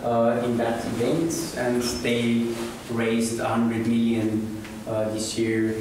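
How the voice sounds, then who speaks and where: A meetup organizer gives an informal presentation to a seated audience in a small indoor meeting room, speaking slowly in a mid-range voice with little pitch movement. He's hesitant, with many fillers and restarts. A room camera at the back of the audience captures him distantly, and the sound is echoey and noisy.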